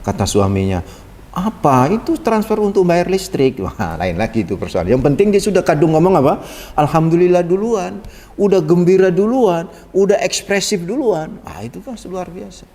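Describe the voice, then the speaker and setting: A man giving a religious study lecture, animated and lively, acting out little dialogues as he teaches. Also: high-pitched, brisk. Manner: animated, acts out short dialogues with laughter. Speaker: Islamic preacher. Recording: long reverb of a hall.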